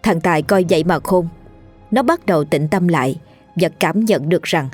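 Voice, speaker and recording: A woman with a Southern Vietnamese accent narrating a ghost story in a lively, colloquial storytelling manner. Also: lowish voice, moderate pace, slightly rough, faint music behind.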